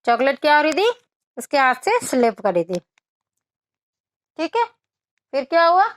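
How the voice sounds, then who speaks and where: In a very animated voice that sits high, a woman teacher narrates a children's story as a lesson with no room sound. She reads the English lines very slowly and deliberately, then asks and answers questions and explains the phrases in Hindi.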